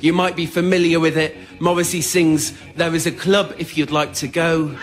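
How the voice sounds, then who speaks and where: A writer-performer tells scripted comic stories from his own life to a laughing live audience on a radio theatre stage, as part of a one-man spoken word show. He speaks at a normal speed in a slightly high voice with a level tone.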